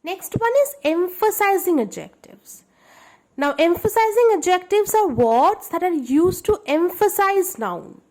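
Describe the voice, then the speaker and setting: High, lively teacher. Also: female voice, measured pace. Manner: explains patiently, repeats and checks understanding. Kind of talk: grammar lesson for schoolchildren.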